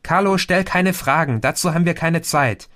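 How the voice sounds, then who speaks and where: A man's voice: fairly high pitch, lively intonation, a bit bright, pitched above the performer's own voice. A man voicing a hectic, pushy young woman. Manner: hectic, rushed.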